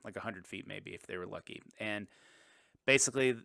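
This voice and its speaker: A man co-hosting a podcast, casually recapping a film and dropping into quick silly impressions. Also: lowish voice, creaky, pushed and bright, no room sound, studio quality. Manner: rambling, retells scenes with quick silly impressions. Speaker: podcast co-host. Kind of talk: casual movie recap chat.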